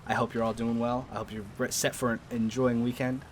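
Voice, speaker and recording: A man's voice: mid-range voice, flat delivery, a little fast, slight background noise. Young male gaming host, New York accent, chatty and rambling, mid-range voice, casual gameplay talk. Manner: rambling, chatty, addresses viewers directly. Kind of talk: casual commentary over gameplay.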